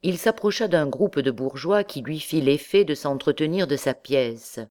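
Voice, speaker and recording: A woman narrating a classic novel as an audiobook in a measured, steady way. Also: low-pitched.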